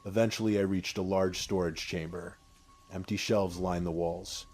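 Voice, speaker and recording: A man with a low, weighty voice reads a scripted horror story in the first person. His delivery is solemn and measured, leaving deliberate pauses between short phrases. Soft music plays behind him. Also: fairly even intonation.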